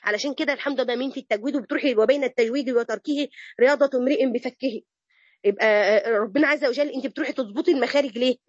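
A woman with an Egyptian accent giving a religious lesson to women, lively and mixing classical phrases with colloquial chat. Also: high-pitched, rapid-fire, no room sound, highs cut off. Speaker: religious teacher.

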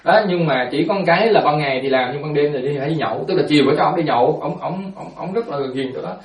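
Fields: male Buddhist monk. Style: fast, animated dharma storytelling with a fairly high voice. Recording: roomy, distant. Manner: animated storyteller, repeats words, acts out quotes.

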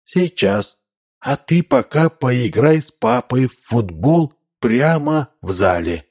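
A man voicing an obedient robot mother who speaks slowly and flatly. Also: mid-range voice, slightly rough, voice pushed up, full character voice. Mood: eerie. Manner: slow, flat, mechanical.

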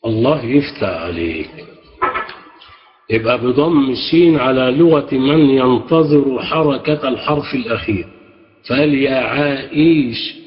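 A man with an Egyptian Arabic accent, teaching an Arabic grammar class, patiently prompting students and praising their answers. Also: mid-range voice. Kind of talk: interactive class with questions to students. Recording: echoey, dull lo-fi sound.

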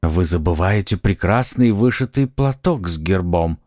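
A man's voice: low voice, lively intonation, measured pace, a little mellow, dry recording, studio quality. Man doing an ardent young nobleman. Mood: insistent. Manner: earnest, insistent. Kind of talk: audiobook acting.

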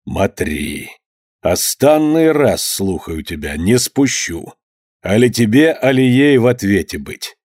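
A man's voice: lowish voice, very animated, takes it slowly, a little mellow, dry recording, studio quality, full character voice. A man reading an audiobook and voicing a stern, short-tempered merchant who speaks curtly. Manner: curt, commanding.

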